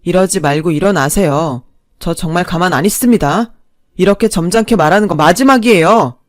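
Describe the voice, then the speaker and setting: A woman's voice: on the low side, brisk, dry recording, studio quality, close to an everyday voice. A woman voicing a grown man, the husband, speaking firmly and with restraint. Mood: warning.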